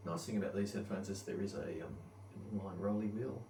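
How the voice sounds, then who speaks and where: A man with a low, gravelly, dark-toned voice talks briskly. A headphone reviewer and gamer, he rambles casually about gear and gameplay, hesitating and thinking aloud. The mic is distant and roomy, with faint background noise.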